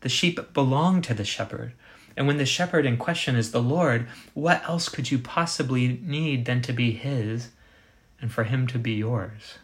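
Man preaching a measured sermon. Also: mid-range voice. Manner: measured, emphatic, slows on quoted scripture. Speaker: pastor.

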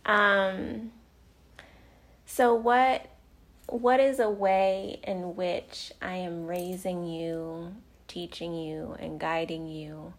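A middle-aged woman, a podcast host and mother, talking slowly and tenderly, often dropping to a whisper. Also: fairly low pitch, little pitch movement. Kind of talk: casual heartfelt conversation.

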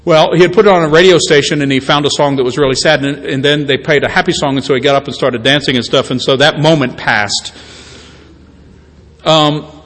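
A man's voice: fairly high pitch, steady tone, brisk, fairly bright tone. A man preaching a sermon as a pastor, in a conversational way with stammered restarts and self-deprecating asides. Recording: long hall reverb.

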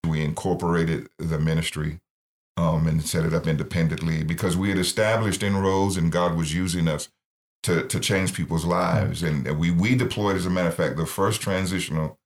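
In an interview, the founder of a ministry, a middle-aged man, earnestly relates his life story as personal testimony and performs the voices of those he quotes. His voice is deep with fairly even intonation and normal speed.

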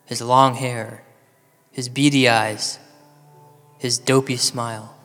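Drenched in long reverb, a man acts out a paranoid male host of an audio drama about ghosts. He tells his tale like ominous late-night radio, at a middle pitch, rambling between self-pity and dry, dramatic asides. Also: flat delivery, takes it slowly, fairly bright tone, soft background music. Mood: ominous, wry storytelling.

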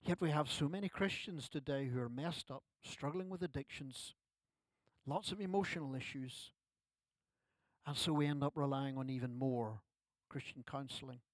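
Speaking at a moderate pace in a medium-pitched voice, an Irish pastor in his sixties delivers a church sermon. His tone is conversational and he adds self-deprecating asides; there is no echo.

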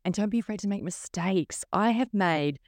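A woman's voice: medium pitch, animated, moderate pace, no room sound, studio quality. A woman podcast host with a broad New Zealand accent, speaking informally and effusively as she interviews.

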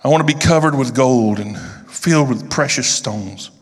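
A man voicing a young female tree who dreams of holding treasure, speaking in a slow, wistful way. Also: medium pitch, lightly acted. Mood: dreamy. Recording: long reverb of a large hall.

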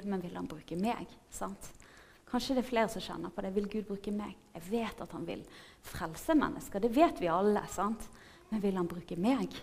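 A woman's voice: mid-range voice, creaky, husky. Earnest woman in her thirties testifying. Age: 30s. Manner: earnest, animated, laughs often, asks "sant?". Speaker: preacher giving testimony. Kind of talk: personal testimony talk.

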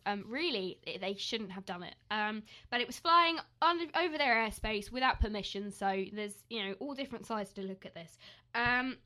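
A woman's voice: medium pitch, pushed and bright. A young woman co-hosting a casual news podcast, chatty with lots of ums and giggles. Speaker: podcast co-host.

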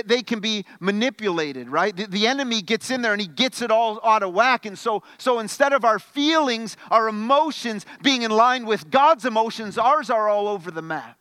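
A man preaching a sermon as pastor, conversational, stumbling over repeated words, swinging between loud emphatic bursts and quiet questions. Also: high voice, no room sound.

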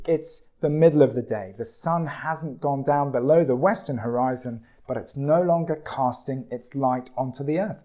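A man preaching a sermon in a slow, deliberate way, with dramatic pauses. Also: mid-range voice, a little mellow.

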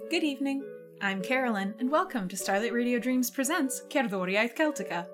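A woman's voice: fairly high pitch, animated, fairly quick, over music. A woman hosting a radio show from a living room studio, chatty and patient as she explains words, often laughing. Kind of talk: casual chat.

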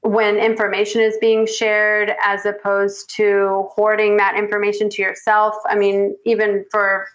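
American woman photographer talking earnestly, pretty monotone, restarts a lot. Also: mid-range voice, a little slow, few pauses, rough recording. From United States. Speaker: guest photojournalist. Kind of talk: interview answers.

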